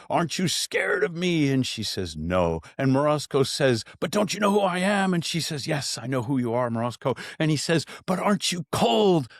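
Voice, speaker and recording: Slightly high in pitch, this ice bath company founder speaks in a podcast interview recorded with studio clarity and no echo. He relates his stories with animation, doing impressions of whoever he's quoting.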